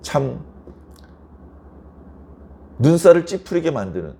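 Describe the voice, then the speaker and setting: Animated, mellow-voiced male pastor preaching. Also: fairly high pitch, slow, vocal fry. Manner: conversational, asks the congregation rhetorical questions; acts out everyday quarrels in lively voices. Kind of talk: early-morning sermon.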